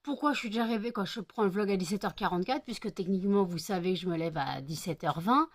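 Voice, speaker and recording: A woman's voice: mid-range voice, quick pace, dry recording. Chatty woman vlogger, dry close sound. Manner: chatty, many hesitations, scolding pets affectionately. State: tired. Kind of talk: casual vlog chat.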